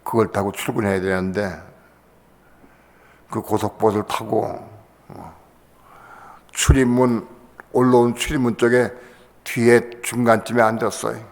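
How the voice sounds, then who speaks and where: A man's voice: steady tone, measured pace, pauses often. An older man, a pastor, giving an emotional sermon testimony, his voice leaping up in passionate bursts. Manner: emotional, pitch rising sharply in passionate bursts. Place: church sanctuary. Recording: church hall with long reverb.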